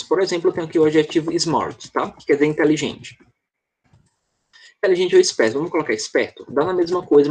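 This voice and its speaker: A man's voice: a little high, husky. A Brazilian man teaching an online English class, talking casually and checking in with students often. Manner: chatty, relaxed, checks in often with "tá?".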